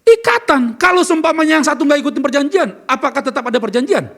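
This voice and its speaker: A man with a strikingly high voice and a gravelly edge delivers an earnest church sermon. He speaks as a pastor and keeps asking his listeners questions. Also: lively intonation, quick pace, fairly bright tone. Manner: earnest, asks the congregation questions. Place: church service.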